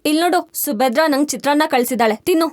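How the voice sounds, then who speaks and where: A woman's voice: sits high, lightly acted. An actress playing a young woman who first brushes off a tearful suitor and then fusses over him, in a web series drama. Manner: brisk, scolding then mothering. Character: caring but dismissive young woman.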